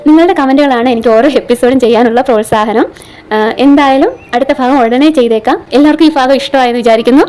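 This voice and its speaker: Female storyteller, brisk expressive reading, high-pitched, soft music bed. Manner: expressive reading, raises voice for dialogue. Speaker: storyteller and channel host. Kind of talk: reading a serialized story aloud.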